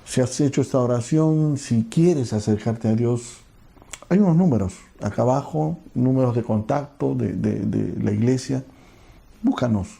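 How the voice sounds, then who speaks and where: A man preaching as a pastor, telling a personal story earnestly and leading into a hushed prayer. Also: mid-range voice, a little slow, creaky. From Peru.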